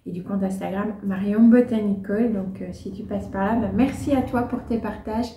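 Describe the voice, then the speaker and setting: A woman's voice: mid-range voice, steady tone, normal speed, mellow, roomy sound, slight background noise. A woman chatting casually about favourite books and finds, with many fillers and frequent laughs. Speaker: book and lifestyle vlogger. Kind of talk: casual chat, reviewing favourites.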